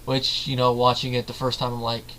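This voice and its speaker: A man's voice: medium pitch, monotone, brisk, bright, forceful tone, a little hiss or hum, rough recording. A man giving a casual, rambling film review, often correcting himself mid-sentence. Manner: rambling, self-correcting, chatty.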